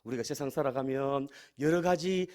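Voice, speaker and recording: A man's voice: medium pitch, moderate pace, a little mellow. A male pastor preaching a sermon, often addressing the congregation and asking them rhetorical questions.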